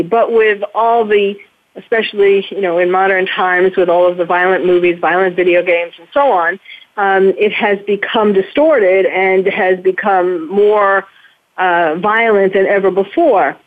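A woman psychiatrist hosting a radio interview show, talking hesitantly and often restarting her sentences. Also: mid-range voice. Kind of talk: interview chat. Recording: tinny phone line.

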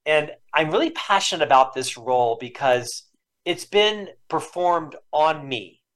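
Earnest and emotional, a fifty-something Florida man with a lifelong stutter tells personal stories as a podcast guest in a reflective interview. His voice is mid-range and a bit bright.

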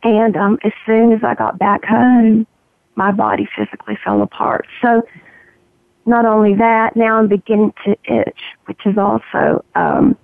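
A woman with a gravelly, froggy, medication-roughened voice gives a candid, reflective personal account as an interview guest, in halting phrases. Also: mid-range voice, level tone, dry recording. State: voice roughened by morphine. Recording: narrow, tinny phone-line sound.

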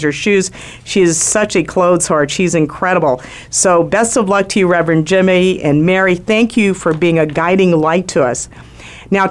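A middle-aged woman hosting a radio talk show, chatting casually with personal shout-outs. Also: lowish voice. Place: radio studio.

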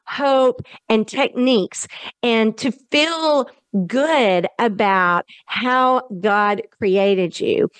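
Southern lady doing a self-help show, real slow and encouraging, kinda high voice. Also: clear, resonant tone, dry recording. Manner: earnest, encouraging, with chatty asides. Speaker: host. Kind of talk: self-help podcast talk.

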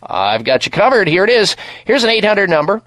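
A man with a fairly high voice hosts a radio health show. His pitch swings all over as he pitches products and answers callers. The sound is close and dry. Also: a little fast, no room sound. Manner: lively, salesy, advising. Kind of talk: radio call-in show and live ad read.

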